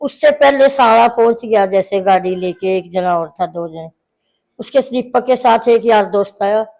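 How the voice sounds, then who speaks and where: A woman's voice: medium pitch, moderate pace, vocal fry, darkish tone, low-quality recording. A middle-aged woman, the mother-in-law in the story, recounting a family quarrel to a reporter, narrating at length and quoting what each person said. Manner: long narration full of quoted dialogue.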